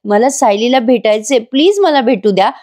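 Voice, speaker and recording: A woman voicing a young man who keeps begging to see his wife, insistent and pleading, raising her pitch a little for him. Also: animated, moderate pace, a little mellow, natural voice. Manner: pleading, insistent, repeats himself.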